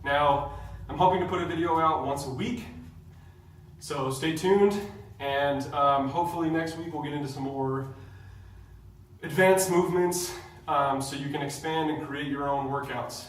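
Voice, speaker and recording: A man's voice: a little high, normal speed. Echoey, distant man coaching a workout. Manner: cueing steps in short commands. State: out of breath. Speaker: fitness instructor. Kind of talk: workout tutorial. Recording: very echoey room, mic far off.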